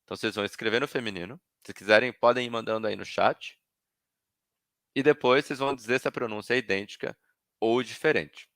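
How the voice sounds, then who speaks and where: A man leads a live online French lesson, patiently spelling out and repeating each word for his students. His voice sits a little low yet sounds bright and forward. The recording is dry and close, with no room sound around it. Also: dry recording. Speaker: French teacher.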